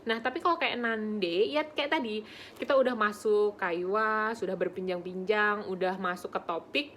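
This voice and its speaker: A young woman giving a casual language lesson, explaining pronunciation in a chatty way, often laughing and slowing down to demonstrate words. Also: mid-range voice, a bit bright, a little hiss or hum. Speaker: Japanese conversation teacher.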